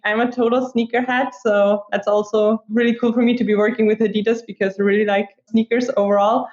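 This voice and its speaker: A woman in her twenties from Austria, a guest in a casual interview, chatty and full of "like" fillers. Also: mid-range voice. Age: 20s. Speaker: guest, product marketer. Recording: echoey room, dull lo-fi sound.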